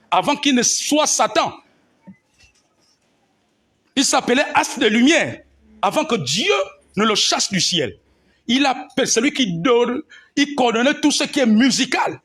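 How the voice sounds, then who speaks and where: A man's voice: very high-pitched, a bit bright, husky. A man delivers a church teaching. He speaks emphatically, stopping often for amen and alleluia. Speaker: pastor. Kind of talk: sermon teaching.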